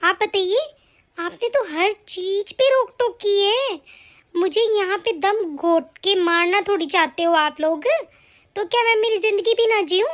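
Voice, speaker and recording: A woman voicing a young daughter-in-law who is fed up and defiant, in an animated story, with a sharp, scolding delivery. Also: extremely high pitch, measured pace. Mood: indignant. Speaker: voice actor.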